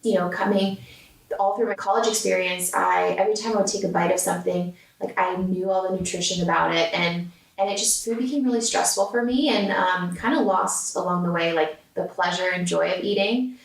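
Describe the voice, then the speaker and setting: A woman's voice: on the low side, steady tone, a little fast, gravelly. A woman, chatting casually as an interview guest, full of "um" and "like". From San Diego, California. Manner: chatty, with many filler words and "like". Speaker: guest, food company founder. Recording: roomy sound, distant mic.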